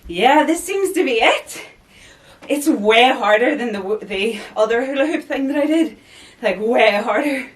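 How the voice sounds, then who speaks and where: A woman's voice: fairly high pitch, lively intonation, unhurried. A young woman vlogging casually, chatty and full of fillers as she explains a workout move step by step. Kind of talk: casual fitness vlog talk. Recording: echoey room, voice from far off.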